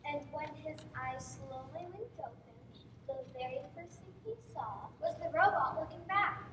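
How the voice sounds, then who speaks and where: A woman giving an expressive live reading of a story on a stage, trading lines with a partner. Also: high-pitched, normal speed. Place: stage in a hall. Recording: echoey hall from far off, noisy.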